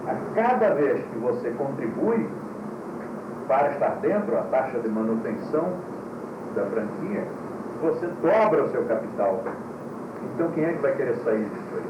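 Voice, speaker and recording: A man gives a playful classroom lecture, firing rhetorical questions at his students. He is heard on an old VHS tape full of loud hiss. He stands well back from the mic in a room with a strong echo. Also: medium pitch, very animated, normal speed, recorded from a distance, lo-fi sound. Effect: old VHS tape recording. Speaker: yoga teacher giving a lecture. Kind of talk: classroom lecture to school directors.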